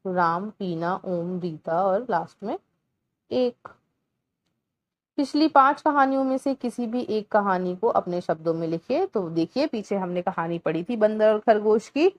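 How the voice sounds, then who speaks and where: A woman teacher slowly walking young children through a Hindi workbook lesson, sounding out syllables clearly one by one. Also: mid-range voice, expressive, no echo. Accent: Indian Hindi.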